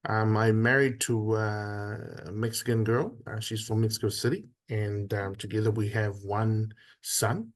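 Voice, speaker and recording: A man in his thirties, from Samoa, is a guest in a conversational interview, telling his story in a measured way with frequent pauses. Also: lowish voice, fairly even intonation.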